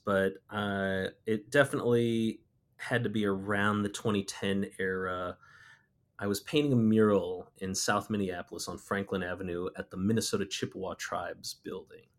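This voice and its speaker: A middle-aged man, a muralist, recounting a personal story in a relaxed, rambling way with many fillers and restarts. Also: fairly low pitch. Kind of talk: casual spoken storytelling.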